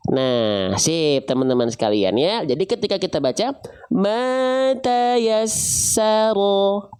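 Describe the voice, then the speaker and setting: A woman teaching Quran reading to viewers. She poses questions to herself and answers them, drawing out syllables slowly to demonstrate each sound. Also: extremely low pitch, clear, resonant tone. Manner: slow, drawn-out sound demonstrations; casual, relaxed phrasing. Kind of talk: tajwid lesson to viewers.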